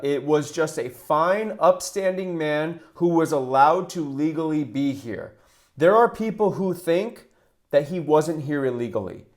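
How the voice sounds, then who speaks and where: A man's voice: a little high, darkish tone. A man giving opinionated political video commentary in an indignant, emphatic way.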